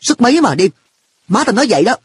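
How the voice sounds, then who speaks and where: In a storybook reading, a man pushes his voice up into a very high, sing-song, husky register to play boy An, a carefree, teasing, money-minded schoolboy. The heavily acted delivery is quick, offhand and blunt, and the recording is dry.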